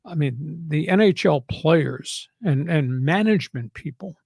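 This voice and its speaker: A man's voice: a little high, lively intonation, measured pace, vocal fry, darkish tone, breathy edge, no echo, clean studio sound. An older man hosting a sports podcast, talking in a punchy, emphatic way and going off on preachy rants. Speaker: sports talk host. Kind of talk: casual sports talk.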